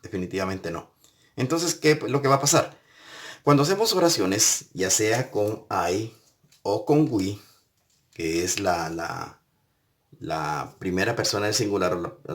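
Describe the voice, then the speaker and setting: A man teaching an English grammar lesson, patiently repeating and spelling out each step. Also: fairly low pitch. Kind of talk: recorded classroom lesson.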